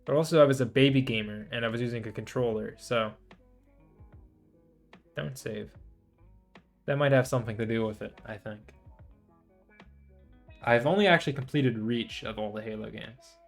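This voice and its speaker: Hosting a casual VTuber livestream, a man rambles and thinks out loud at a moderate pace, his medium-pitched voice creaky and full of frequent pauses. Guitar background music sits behind him.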